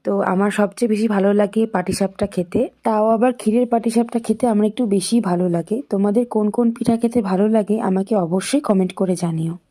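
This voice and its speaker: Young woman, voice kinda hoarse from a cold, mellow and chatty, vlog voiceover talking to viewers. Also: mid-range voice, steady tone, fairly quick, hardly any pauses. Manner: chatty, addresses viewers directly. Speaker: vlogger. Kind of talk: casual daily vlog narration.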